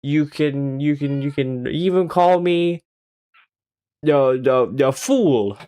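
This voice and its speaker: A man's voice: fairly high pitch, slow, mellow, smooth, dry recording. A young man from Sweden, chatting casually and swearing often while streaming a game. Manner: swears a lot and laughs at his own jokes. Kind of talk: casual gaming stream chat.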